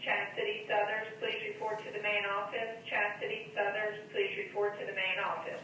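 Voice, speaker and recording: A woman announcer making a flat, repeated call over a school PA loudspeaker, heard from across the room. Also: mid-range voice, moderate pace, a little hiss or hum. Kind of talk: public announcement. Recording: echoey loudspeaker heard from far off.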